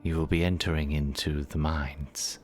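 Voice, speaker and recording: A man voicing a solemn, cryptic old hag in a tabletop game, speaking slowly and formally like a ritual guide. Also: rumbling low, flat delivery, faint music behind. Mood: cryptic, guiding. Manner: slow, deliberate, formal old-hag speech. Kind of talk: tabletop role-play acting.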